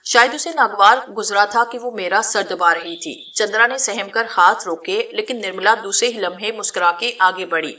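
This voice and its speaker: A woman narrating a horror novel in a steady first-person telling. Her voice is bright and forward, with a pitch in the middle of the usual range. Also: few pauses, poor audio. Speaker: storyteller.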